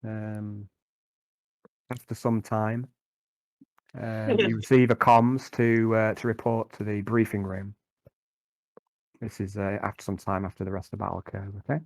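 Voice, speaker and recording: A man narrating a tabletop game as game master, improvising in a conversational, halting way and often repeating words. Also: on the low side, little pitch movement, no room sound, poor audio.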